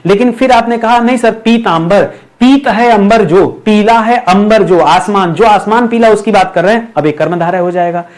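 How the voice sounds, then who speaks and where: A man's voice: high-pitched, moderate pace, few pauses. A man teaching a grammar lesson for exam preparation, repeating key terms and checking in with his listeners.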